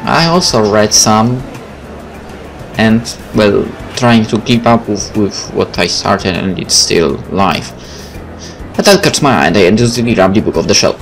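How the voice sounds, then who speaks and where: A native Polish speaker hosts a let's play, reading aloud and commenting casually in a lowish voice with lively intonation at normal speed. Faint game music plays behind him.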